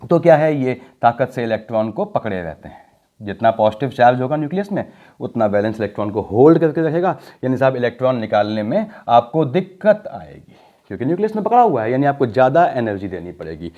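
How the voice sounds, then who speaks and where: His mid-range voice swings widely in pitch as he rattles quickly through a chemistry lesson at the board. Each step gets rhetorical questions for the class, and he switches between Hindi and English technical phrases, drawing out key terms. The lecture recording is dull and lo-fi.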